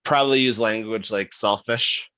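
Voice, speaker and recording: A man hosting a podcast, reflecting out loud in a casual, halting way with restarts. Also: lowish voice, clear, resonant tone, no echo, poor audio. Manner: thinking aloud, halting with restarts and fillers. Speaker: podcast host.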